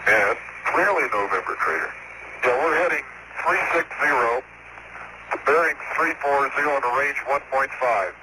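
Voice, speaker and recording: A man's voice: mid-range voice, lively intonation, normal speed. A male astronaut talking over a space radio link, mixing clipped technical callouts with casual observations. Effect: space radio transmission. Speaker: astronaut driving a lunar rover. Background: radio static and noise.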